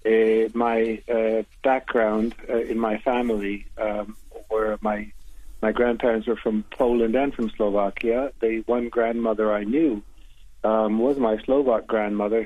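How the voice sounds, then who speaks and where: A man answering radio interview questions as a literary translator, halting with many hesitations and restarts. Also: lowish voice, no echo. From United States. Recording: tinny phone line, dry.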